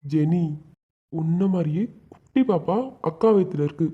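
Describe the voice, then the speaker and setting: A man's voice: fairly high pitch, normal speed, slightly rough. A man voicing a stern but loving young husband in a cartoon, firm and lecturing. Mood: soothing. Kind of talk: cartoon web series voice acting. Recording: dull lo-fi sound.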